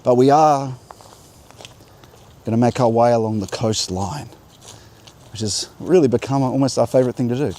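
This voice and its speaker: A man hosting a reflective spiritual vlog, speaking slowly and meditatively with soft laughs while outdoors in a coastal national park. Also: medium pitch. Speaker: host. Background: crickets and insects.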